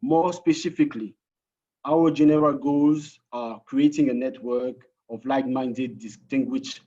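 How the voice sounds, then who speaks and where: A man presenting his organization in an online webinar as its coordinator, halting with frequent restarts over a video call. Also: medium pitch, steady tone, warm tone, highs cut off.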